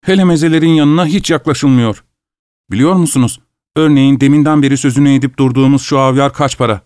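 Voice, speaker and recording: A man's voice: mid-range voice, fast talker, darkish tone, no echo, clean studio sound, close to an everyday voice. A man voicing a stingy, anxious male host who speaks with strained, ingratiating politeness. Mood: plaintive.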